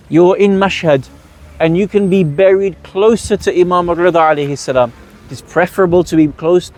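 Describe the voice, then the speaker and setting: Brief: male workshop teacher, a touch higher pitched, patient, explains step by step and asks rhetorical questions. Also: darkish tone. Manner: asks the audience rhetorical questions, then answers them. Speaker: religious teacher leading a workshop.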